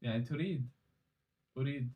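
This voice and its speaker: A man's voice: mid-range voice, fairly quick, warm tone. A British man chatting casually as a contestant, switching between English and Arabic with a Jeddah Hejazi accent. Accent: Jeddah Hejazi Saudi Arabic. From United Kingdom. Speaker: challenge contestant. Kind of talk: casual bilingual chat.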